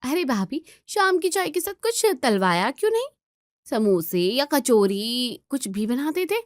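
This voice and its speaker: A woman's voice: sing-song, a little slow, dry recording, clean studio sound. A woman voicing a spoiled, bossy married daughter who whines and gives orders. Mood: whiny. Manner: shrill, whiny, commanding.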